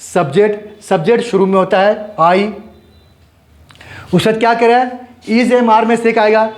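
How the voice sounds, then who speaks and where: A man's voice: high voice, level tone. A man teaching an English grammar lesson, explaining step by step and answering his own questions. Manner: spells out letters slowly and repeats words.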